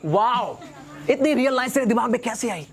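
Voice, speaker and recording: A young man with a high voice spits battle-rap verses at a rival. He sounds cocky and taunting, with a mocking edge to every rhyme and English phrases thrown in. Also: expressive, normal speed. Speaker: battle rapper.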